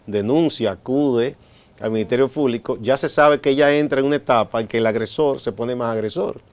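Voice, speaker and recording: A man with a Dominican Spanish accent leads a studio talk show discussion. He speaks in a measured, explaining way and fills his pauses with "eh". His pitch sits in an ordinary middle range. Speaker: host.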